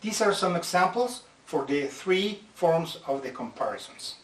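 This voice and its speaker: English teacher, roomy distant sound. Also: male voice, on the high side, animated. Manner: slow, careful explanations, stretching out example words. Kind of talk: slide-based grammar lesson.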